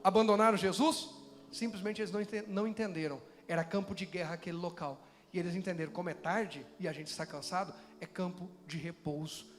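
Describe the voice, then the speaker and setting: High-pitched preacher guy, echoey church hall, soft music behind. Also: fairly even intonation, fast talker, hardly any pauses. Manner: preaching with rising intensity, mocking voices in quotes. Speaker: pastor. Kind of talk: sermon.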